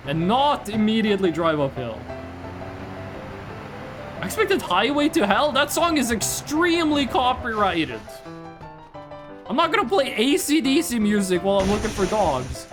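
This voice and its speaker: Joking, animated live game streamer. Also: medium pitch, unhurried, pauses often, music in the background. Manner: joking, talks to chat, swears casually. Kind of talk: casual live gaming commentary.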